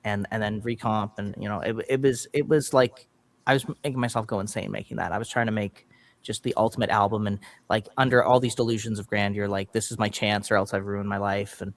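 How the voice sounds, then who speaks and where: A man's voice: fairly low pitch, fairly even intonation, a little fast. A man talking in a casual, rambling chat, full of fillers and restarts. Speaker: musician and host.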